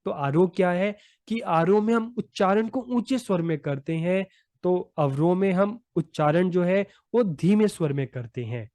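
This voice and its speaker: A man's voice: high voice, expressive, a little slow, darkish tone, no echo. A man teaching a lesson, explaining patiently and repeating his main points.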